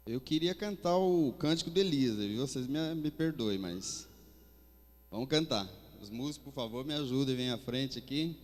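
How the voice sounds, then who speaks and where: A man preaching a sermon with fervor, his delivery swinging between soft and loud. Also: mid-range voice, lively intonation, normal speed. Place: church hall. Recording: long hall reverb with faint music.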